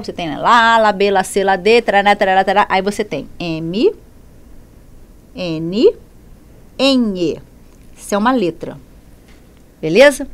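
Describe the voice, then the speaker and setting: A woman teacher explains accent rules to her class. Her voice sits at a middle pitch and jumps around a lot. She asks questions, answers them herself and corrects her small slips along the way. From Brazil. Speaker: Spanish teacher. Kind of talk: classroom lesson explaining grammar.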